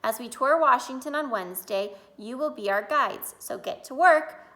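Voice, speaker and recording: A woman voicing a stern male schoolteacher while reading a picture book aloud, firm and measured. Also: sits high, expressive, sharp tone, pitched above the performer's own voice, exaggerated voice. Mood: brisk.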